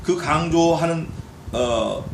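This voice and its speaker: A male pastor giving an expository sermon, preaching with lively emphasis and acting out dialogue. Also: on the high side, slow, vocal fry, slight background noise. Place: church sanctuary. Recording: echoey church hall, distant mic.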